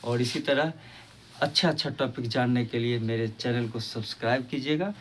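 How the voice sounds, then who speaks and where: A man's voice: medium pitch, steady tone, normal speed, distant mic, slight background noise. Patient man teaching, a bit off-mic. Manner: patient, repeats each example and asks rhetorical questions. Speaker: English pronunciation teacher. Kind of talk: explaining a lesson on his channel.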